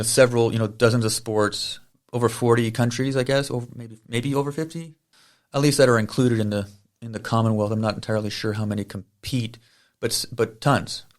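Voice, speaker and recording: Rambling male podcast host. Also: mid-range voice. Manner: rambling, many fillers and tangents. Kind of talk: casual podcast intro and interview.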